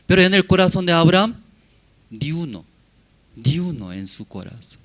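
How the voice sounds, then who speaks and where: A man's voice: fairly high pitch, sing-song, moderate pace. A man pastor preaching a sermon emphatically, in broken grammar with many rhetorical questions.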